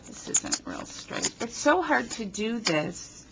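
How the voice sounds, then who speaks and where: A woman from New Jersey, her voice on the high side, sing-song and gravelly, takes her time while hosting a casual card-making tutorial at her home craft table, with noise in the background. She chats and jokes at her own expense as she works, sniffling from a runny nose. A camera on a tripod above the table records her.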